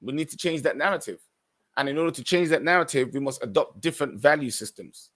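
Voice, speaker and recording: A man's voice: a little high, quick pace, a bit bright. A man hosting a podcast, reading out viewer comments and giving his own earnest, opinionated responses, sometimes restarting as he reads. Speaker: podcast host.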